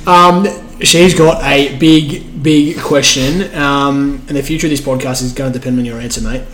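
A man's voice: mid-range voice, fairly even intonation, moderate pace. Teasing man, noisy echoey room. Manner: teasing, mock-dramatic. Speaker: podcast co-host. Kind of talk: casual chat. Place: apartment.

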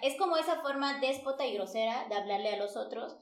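A woman with a Mexican accent, a travel agency head and podcast guest, telling lively stories in casual chat, full of fillers like "o sea" and "pues". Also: a little high, quick pace. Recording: roomy echo.

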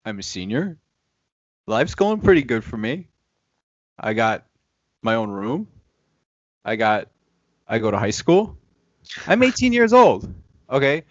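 A man's voice: medium pitch, very animated, unhurried, pauses often, dry recording, dull audio. A man hosting a casual podcast chat, playful and teasing, recorded over a video call. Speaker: podcast host.

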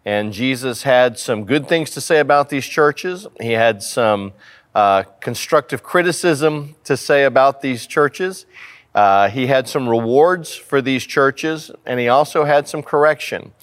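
A male pastor with a medium-pitched voice delivers a teaching sermon in a church sanctuary. He works through scripture, repeating key phrases for emphasis and posing rhetorical questions to make his points. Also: measured pace. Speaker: pastor preaching.

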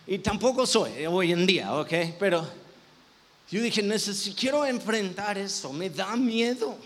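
A man's voice: high voice, lively intonation, a little slow, fairly bright tone. A man, a pastor, telling a personal story in a sermon, with many restarts and self-corrections. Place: church.

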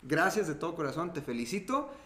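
A man's voice: a little high, sing-song, fairly quick, echoey room, noisy background. A man with a Mexican accent co-hosting a casual podcast, talking animatedly and acting out other people's reactions. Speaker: podcast co-host.

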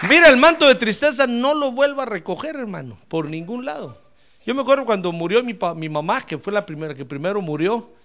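A male pastor preaching a sermon, fervent, swinging from loud exclamations to quiet asides and often addressing his listeners directly. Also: high voice, lively intonation, fairly quick, a faint crowd, slight background noise. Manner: repeatedly addresses listeners as "hermano".

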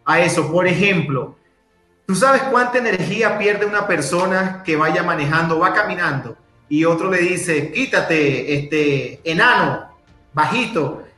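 A man speaking as a guest, giving a direct, emphatic motivational talk with lively examples. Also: sits high, moderate pace, roomy sound, soft background music.

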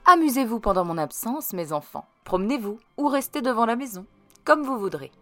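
A woman voicing a gentle storybook mother. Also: a little high, animated, brisk, no echo, faint music behind, pitched above the performer's own voice, close to an everyday voice. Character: kind, composed mother of a household.

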